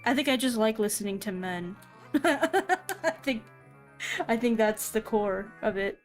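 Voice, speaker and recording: Streaming a game as a VTuber, a woman chats playfully at normal speed in a mid-range voice, giggling and laughing at her own play. Faint game music can be heard.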